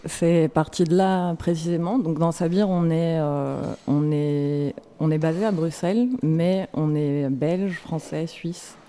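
A woman's voice: deep voice, fairly even intonation, slow pace, hardly any pauses, warm tone. A woman guest from a magazine collective answering in a radio interview, with a hesitant delivery full of fillers.

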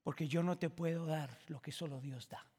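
In a church sanctuary, a high-voiced pastor preaches a sermon at normal speed with a steady tone and a breathy edge. He shifts from hushed, reflective passages to impassioned, shouted climaxes, and a long reverb carries his voice through the hall.

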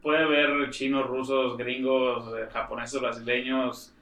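A man's voice: mid-range voice, flat delivery, a little slow, fairly bright tone, far from the mic. A man from Mexico City with a Mexico City accent, hosting a casual group chat, joking and frank about sex. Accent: Mexico City Spanish. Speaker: podcast host. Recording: echoey room, a bit off-mic.

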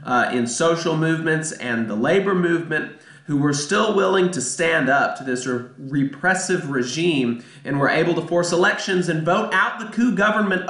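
A man's voice: a little high, a bit bright, roomy sound. A man hosting a radio show, reading a scripted intro in a voice worn by a cold. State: sick voice from a cold.

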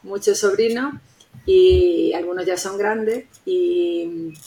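Woman guest talking slow and thoughtful, lots of little pauses, lowish voice, roomy echo. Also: dark tone. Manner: unhurried, thoughtful, with many pauses and fillers. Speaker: podcast guest. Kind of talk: reflective interview talk.

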